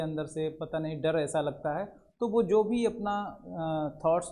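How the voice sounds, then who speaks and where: A man's voice: high-pitched, warm tone. A male lecturer, explaining terms in a classroom lecture and mixing in English words. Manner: explains terms in Hindi with many English words, repeats fillers.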